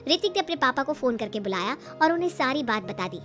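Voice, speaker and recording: Lady narrating a cartoon kahani, bright sharp tone, music in the back. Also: high-pitched, big pitch swings, quick pace. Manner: plain storybook telling. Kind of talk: scripted storytelling narration.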